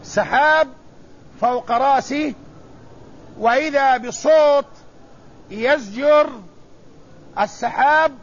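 A male preacher delivering a religious sermon in a slow, measured way, with solemn repetition. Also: very high-pitched. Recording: dull lo-fi recording with faint noise.

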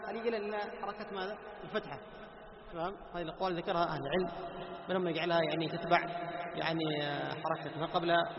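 Guy teaching a recitation class, talks fast, asks questions and answers them himself, echoey dull recording with noise. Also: high-pitched. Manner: repeats key phrases for emphasis. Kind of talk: classroom lecture. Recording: echoey hall with dull lo-fi sound and background noise.

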